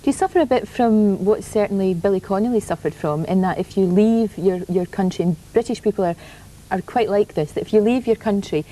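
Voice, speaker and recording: A woman hosting a morning television show, asking her guest brisk, probing questions. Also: medium pitch, warm tone, rough recording. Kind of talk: TV interview.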